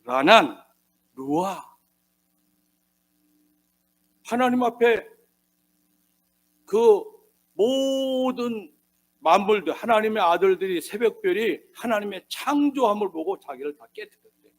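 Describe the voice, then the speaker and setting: A man preaching a sermon as a pastor, swinging between hushed asides and loud emphatic bursts and acting out the voices he quotes. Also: high-pitched, animated, a little slow, pauses often. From South Korea.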